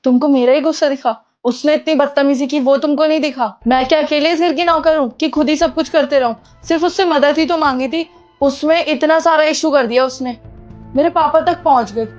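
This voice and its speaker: Woman as an indignant elder sister-in-law, high voice, complaining, faint music. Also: fairly even intonation, a little fast, dull audio, lightly acted. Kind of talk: amateur family drama acting.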